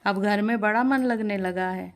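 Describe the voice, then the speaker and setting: Woman playing a gentle older father-in-law. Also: medium pitch, normal speed, natural voice. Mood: kindly. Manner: warm, reassuring.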